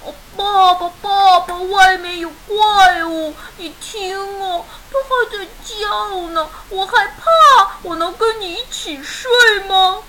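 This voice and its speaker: A woman's voice: very high-pitched, slow, hardly any pauses, pushed and bright, slight background noise, pitched above the performer's own voice, full character voice, low-quality recording. A woman voicing a small, frightened boy bear cub who pleads in a whimpering, tearful way. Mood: scared, pleading.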